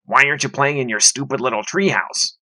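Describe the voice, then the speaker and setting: A man's voice: medium pitch, a little fast, sharp tone. A man voicing a scornful young bully boy with a taunting, sneering manner. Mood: sneering contempt.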